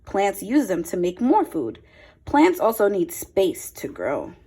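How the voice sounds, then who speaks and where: In a slightly rough, mid-range voice, a woman teacher reads slowly from a picture book to a group of young kids. She gives the lines expressive phrasing and drops in simple explanations along the way.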